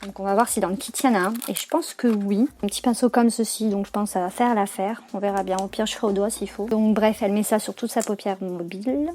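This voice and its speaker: A woman's voice: mid-range voice, steady tone, fast, few pauses, darkish tone, a little hiss or hum. A young woman chatting casually through a makeup tutorial, slangy and full of fillers and self-corrections. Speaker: beauty vlogger.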